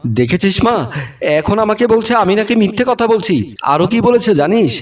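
A domineering middle-aged mother-in-law who taunts and scolds, put on by a male reader. The voice sits high, and it sounds set back from the microphone. She speaks in harsh, cutting jabs in a storybook drama. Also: animated, moderate pace, far from the mic. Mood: complaining.

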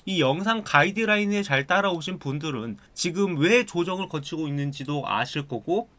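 Man, stock market commentary, persuasive, talks straight to viewers, slightly high voice. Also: a bit bright. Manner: persuasive, addresses viewers directly, repeats sales pitch. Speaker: stock channel host.

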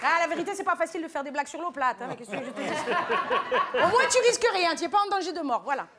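A brash Tunisian aunt. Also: female voice, very high voice, expressive, rapid-fire, over a noisy crowd, heavy background noise. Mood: flirty gossip. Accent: Tunisian French. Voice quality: loud, teasing, rambling. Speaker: comic guest. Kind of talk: TV comedy sketch character. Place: TV studio. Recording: studio audience laughter.

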